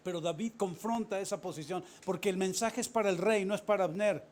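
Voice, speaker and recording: Lively high-voiced man preaching. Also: fairly quick. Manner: animated storytelling with chatty asides to the congregation. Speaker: pastor. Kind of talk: sermon.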